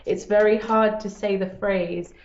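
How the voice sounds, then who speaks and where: A woman's voice: mid-range voice, fairly even intonation, a little slow, darkish tone. A woman co-hosting a crafting show, telling playful, self-mocking stories over a video call. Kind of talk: casual chat while crafting. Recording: roomy, muffled sound with faint noise.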